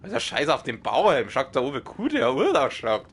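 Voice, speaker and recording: A young man with a Bavarian accent commentating his game stream live, with a loud, strong voice that can sound like shouting even in normal talk, excitable and quick to swear at the game. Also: mid-range voice, slightly rough. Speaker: let's play streamer.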